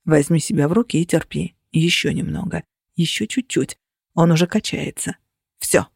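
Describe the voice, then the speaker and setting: A man's voice: a little high, moderate pace, creaky, breathy edge, no room sound, studio quality. A woman reading aloud, voicing an exasperated, bossy male mage navigator who whispers curt commands with weary sarcasm. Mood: urging.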